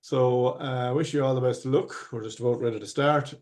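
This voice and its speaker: A man's voice: medium pitch, fairly even intonation, a little fast, a little mellow. A man with an Irish accent working as a bingo caller, reading out numbers digit by digit in set phrases and hosting a live online game. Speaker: bingo host.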